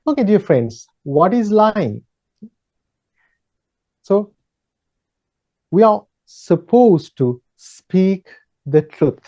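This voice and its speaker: Man, Buddhist monk teaching, higher voice, very slow delivery, dull lo-fi sound. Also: sing-song. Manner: gentle, repetitive, pausing with fillers. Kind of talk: slow, measured dharma talk.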